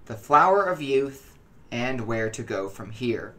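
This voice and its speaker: A storyteller narrates a scripted dark tale. The voice sits at a middling pitch. The delivery is measured and deliberate throughout. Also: very animated, slight background noise.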